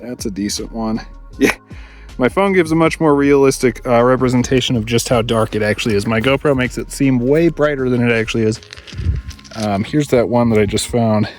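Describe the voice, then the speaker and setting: A man's voice: mid-range voice, brisk, soft background music. Breathless man hiking outdoors at dusk. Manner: enthusiastic, chatty, laughs often. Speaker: rock hunting vlogger. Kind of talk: casual vlog narration while hiking. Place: outdoors at dusk on a rocky hillside. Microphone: action camera and phone.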